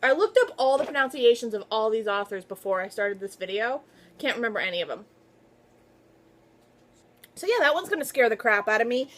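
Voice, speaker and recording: A woman talking casually to her viewers in a book haul video, gushing and excitable. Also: fairly high pitch, fairly quick, pauses often, a little hiss or hum. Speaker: book vlogger.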